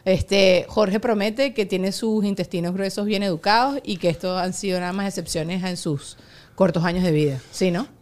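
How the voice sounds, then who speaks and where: Podcast host, casual chat, sympathetic interjections, medium pitch. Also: fairly even intonation, moderate pace. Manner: reacts with short sympathetic interjections.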